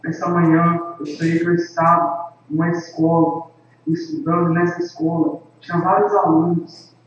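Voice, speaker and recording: Recorded on a camera microphone from far away in a highly reverberant space, a worship leader and evangelist shares a solemn, slow testimony, pressing on every phrase. His voice is somewhat high with little pitch movement. The sound is dull and lo-fi, with a faint ambience of the room behind him.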